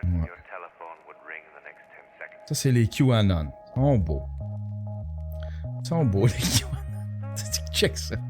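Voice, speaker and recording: A man's voice: on the low side, big pitch swings, slow pace, long pauses, music in the background. A man with a Québécois accent, hosting a podcast with profane, sarcastic rants. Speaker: podcast host. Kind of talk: ranting commentary.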